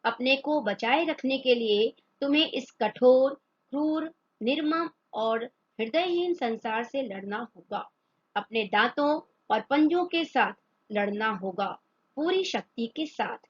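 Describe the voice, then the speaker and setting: A stern male employer who scolds and lectures in a hard, indignant voice, as a woman teacher reads him out. The delivery is slow and a little husky. The recording is dull and lo-fi. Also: a little high, expressive, exaggerated voice. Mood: lecturing.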